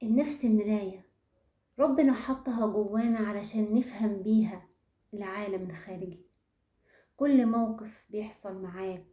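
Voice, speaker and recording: A woman's voice: a little high, mellow. A woman with an Egyptian accent gives a motivational talk, speaking straight to her listeners and asking them questions. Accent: Egyptian Arabic. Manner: asks the listeners rhetorical questions; addresses the audience directly. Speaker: self-awareness speaker. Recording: roomy echo.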